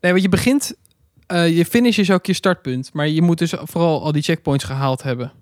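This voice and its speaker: A man's voice: on the high side, fairly quick, no echo, clean studio sound. A young man chatting casually as a podcast co-host, rambling with lots of restarts. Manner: rambling, restarts often, blunt. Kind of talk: casual chat.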